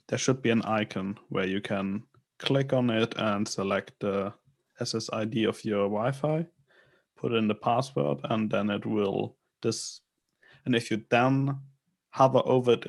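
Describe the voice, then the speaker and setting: A man's voice: fairly low pitch, gravelly. A man on a video call giving patient step-by-step technical instructions. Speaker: workshop helper guiding setup.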